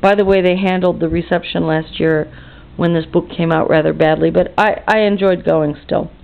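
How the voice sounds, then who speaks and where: A woman's voice: on the low side, steady tone, normal speed, vocal fry. Tired, indignant American woman, fifties, chatty vlog rant, lo-fi phone-quality sound. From United States. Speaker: vlogger. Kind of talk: casual monologue rant. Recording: tinny phone-like audio.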